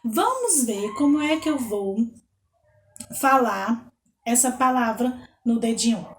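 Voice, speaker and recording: A woman with a Brazilian Portuguese accent teaching young children, slowly spelling out letters and counting aloud. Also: fairly high pitch, lively intonation, reverberant. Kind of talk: children's lesson.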